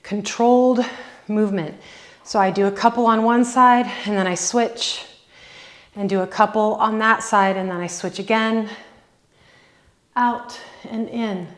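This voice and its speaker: A woman fitness instructor leads a workout from home, calling out counts and cues slowly and deliberately. Her mid-range voice stays steady as she encourages the viewer through each rep. At times she sounds out of breath.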